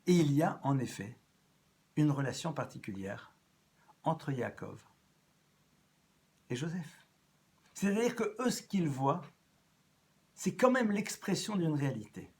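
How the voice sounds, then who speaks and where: Animated man lecturing as a rabbi. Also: on the high side, a little slow, pauses often. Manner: animated, with sudden loud rises and soft drops; repeats and restarts phrases as he talks. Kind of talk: evening lecture to an audience.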